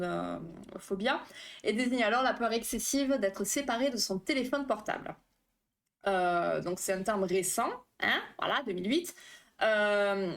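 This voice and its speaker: Chatty woman hosting a live psych stream. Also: medium pitch. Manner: chatty, many fillers, reads chat aloud. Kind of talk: casual live-stream talk, explaining phobias.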